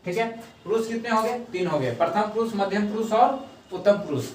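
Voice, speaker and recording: A man's voice: high-pitched, lively intonation, fairly quick, a little hiss or hum. A man teaching a grammar lesson who drills the class, repeating terms and asking then answering his own questions. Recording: echoey room, mic at a distance.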